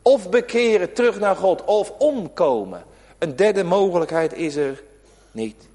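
Male pastor, emphatic sermon delivery, high voice, long church reverb. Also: animated, a little slow, slightly rough. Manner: emphatic preaching, swings between loud calls and quiet asides.

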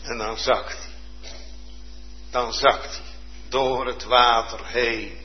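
A man preaching a sermon with fervent, dramatic delivery, dropping to hushed tones and rising to loud exclamations. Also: medium pitch, steady tone, slow pace. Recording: dull lo-fi sound.

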